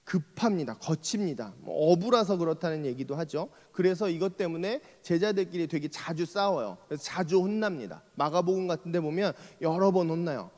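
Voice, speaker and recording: A man with a fairly high voice preaches in a church, his words ringing with a long hall reverb. He delivers the sermon like a story, lively and conversational, slipping into the quoted lines as if acting them. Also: brisk, hardly any pauses. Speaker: pastor. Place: church sanctuary.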